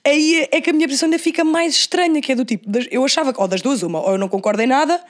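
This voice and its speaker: A young woman with a European Portuguese accent chats at a rapid pace in a fairly high voice. She co-hosts casually, with slang and English phrases mixed in. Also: animated. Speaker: podcast co-host. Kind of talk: casual chat.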